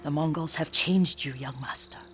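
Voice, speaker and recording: An actress playing a gentle, wistful elderly female servant in dramatic video game dialogue, speaking softly and deferentially. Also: sits low, normal speed, over music, close to an everyday voice. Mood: grave, gentle. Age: older. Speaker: game voice actor.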